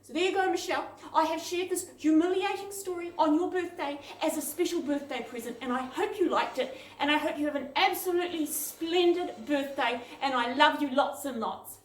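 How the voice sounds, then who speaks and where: A high-voiced woman vlogger rattles off a comic childhood tale at a brisk clip, barely pausing, and laughs at herself with lively, light amusement. Her voice comes from a distance, off-mic, in an echoey room with faint noise.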